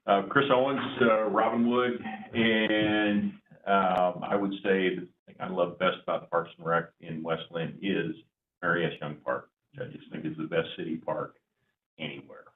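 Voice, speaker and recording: A man with a very low voice introduces himself informally at a board meeting. The room is echoey and the audio is thin, like a phone line. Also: level tone, normal speed. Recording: echoey, tinny meeting audio, faint noise.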